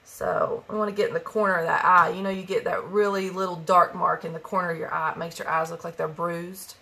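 A woman's voice: lowish voice, level tone, brisk, creaky, sharp tone, slight background noise. A woman from West Virginia with a country accent, chatting casually with viewers during a live makeup stream and greeting them by name. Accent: Appalachian country.

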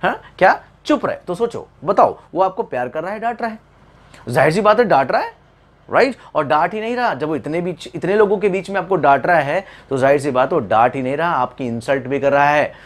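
Hindi-English mixing male teacher, lively. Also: fairly high pitch, brisk. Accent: Indian English. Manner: mixes Hindi and English, asks questions and answers them himself; repeats key points, instructive and lively. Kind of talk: classroom lesson to camera.

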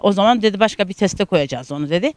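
A woman's voice: medium pitch, lively intonation, quick pace, darkish tone, no echo. A middle-aged woman from Turkey telling a news interviewer about her struggles, in an aggrieved, repetitive storytelling manner full of reported speech. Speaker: interviewee, caregiving daughter.

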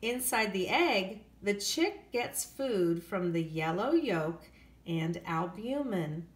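An elementary school teacher reads a children's nonfiction book aloud, phrasing each part carefully and clearly, with emphasis meant for young listeners. Her mid-range voice is animated and slow. She records on a handheld phone in a hard-surfaced kitchen at home, so the room sounds echoey.

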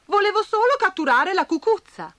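Sweet naive storybook boy voiced by a woman, gentle, bright, eager. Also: very high-pitched, lively intonation, moderate pace, no room sound, pitched above the performer's own voice. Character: good-natured naive little stick boy.

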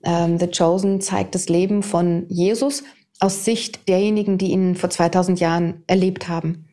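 Candid woman in her fifties, warm voice. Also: fairly low pitch, moderate pace. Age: 50s. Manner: candid, animated storytelling. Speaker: interview guest, TV presenter. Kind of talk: personal testimony in conversation.

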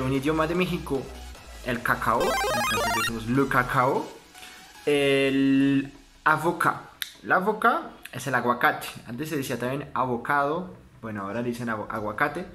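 A man with a French accent, a native French speaker, hosting a casual video lesson, upbeat and slowing down to pronounce words while laughing at himself. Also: mid-range voice, pushed and bright. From France. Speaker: YouTube host.

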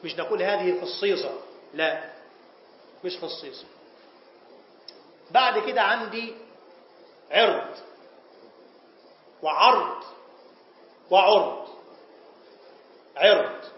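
A man's voice: high-pitched, expressive, takes it slowly, long pauses. A man with an Egyptian Arabic accent giving a classroom lecture on Arabic language, posing questions to his students and answering them himself. He is playful with wordplay. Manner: playful wordplay, chuckles at slips. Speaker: Islamic scholar teaching Arabic language. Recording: echoey, dull lo-fi classroom recording.

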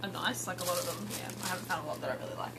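Quick-talking Australian woman guest. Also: fairly low pitch, a crowd in the background. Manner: relaxed, laughs easily. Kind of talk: casual chat.

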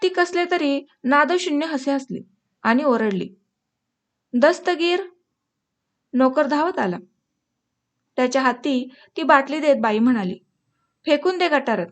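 A woman with a high voice reads a short story aloud for an audiobook channel. Her delivery is measured and expressive, and she turns to her listeners at the close. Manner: measured, expressive reading, addresses listeners at the end. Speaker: audiobook narrator.

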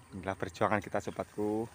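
Chatty man with lively pitch outdoors. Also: a little hiss or hum. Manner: chatty, exclaiming often, addresses viewers as friends. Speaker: eel-fishing vlogger. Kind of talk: casual outdoor commentary. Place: outdoors by a rural stream.

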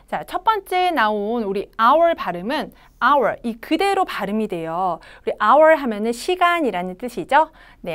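A young woman teaching English pronunciation to children, modeling words slowly for them to repeat and praising them. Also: fairly high pitch. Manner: bright, encouraging teacher voice. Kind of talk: children's phonics lesson.

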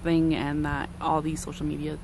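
A woman's voice: low voice, monotone, moderate pace, creaky. Woman in her thirties, casual book vlog, rambling with lots of ums, phone at arm's length outdoors, noisy background. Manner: chatty, rambling with frequent ums. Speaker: book vlogger. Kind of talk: casual chat. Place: campsite outdoors by a lake.

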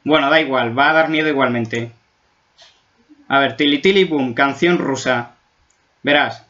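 A man's voice: mid-range voice, unhurried, bright, forceful tone. A man from Spain doing a casual video reaction, joking and exaggerating as he gets spooked, on a dull lo-fi recording. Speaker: YouTube reactor.

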